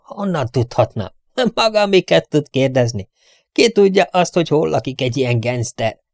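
A strict old housekeeper nags and scolds in a prim, indignant tone, as a male reader puts her on. Her voice sits higher than his own and carries a gravelly rasp. The recording is close and dry, like a storybook read at home. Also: sing-song, a little mellow, dry recording. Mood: scolding. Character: strict nagging older housekeeper woman.

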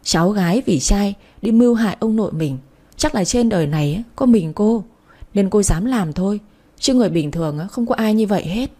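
A woman voicing an outspoken young female servant who talks loud and accusing, slightly raised. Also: medium pitch, lively intonation, brisk, natural voice.

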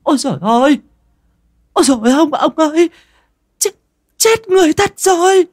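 A man voicing a frightened middle-aged village wife in an audio horror story, with a shrill falsetto, stammering and pleading. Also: animated, a little slow, gravelly, slightly rough, no room sound, clean studio sound, full character voice. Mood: panicked.

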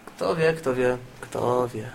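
A man improvising a comic role-play character on a podcast, giving deadpan, matter-of-fact replies. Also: medium pitch, slow pace, vocal fry, a crowd in the background.

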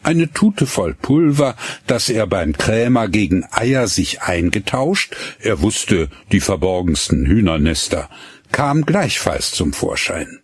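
A man narrating a radio story slowly and expressively, voicing the dialogue as he goes. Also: fairly low pitch, big pitch swings, breathy edge, no room sound.

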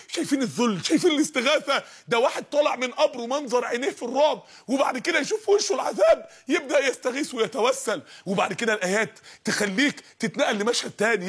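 An Egyptian man delivering an impassioned sermon, dramatic and pleading, building to shouts. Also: very high voice, husky. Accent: Egyptian Arabic. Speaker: preacher.

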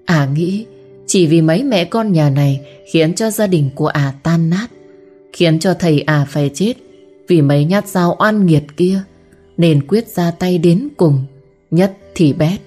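A woman storyteller narrates a social drama vividly and dramatically. Her voice is low and dark, and faint music plays quietly underneath. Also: a little slow.

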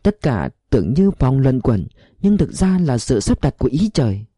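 A man voicing a gentle dead wife who speaks in a solemn, soothing, philosophical way. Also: medium pitch, big pitch swings, normal speed, dry recording, studio quality. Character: gentle dead wife, woman, calm, fatalistic.

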